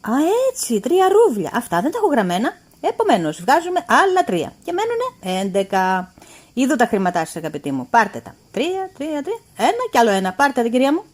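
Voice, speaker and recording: A woman voicing a stingy, mocking middle-aged male employer who talks in a loud, pointed, lecturing way. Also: on the high side, huge pitch swings. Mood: exasperated.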